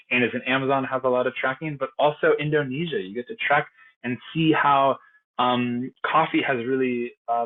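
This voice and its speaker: A man working as a program instructor, giving an earnest, conversational informational presentation. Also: medium pitch. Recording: tinny phone-like audio.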